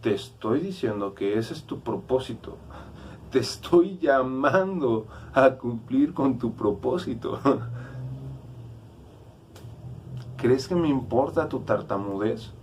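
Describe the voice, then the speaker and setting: A man's voice: mid-range voice, expressive, takes it slowly, long pauses, a little mellow, slight background noise. A man doing a casual, slangy God. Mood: reassuring. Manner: slangy, reassuring, blunt. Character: casual, unbothered male God speaking.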